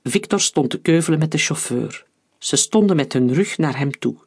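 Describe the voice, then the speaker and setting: A narrator reads a thriller in a steady, measured way. The voice is husky and a little breathy. The pitch is neither high nor low. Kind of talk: audiobook narration.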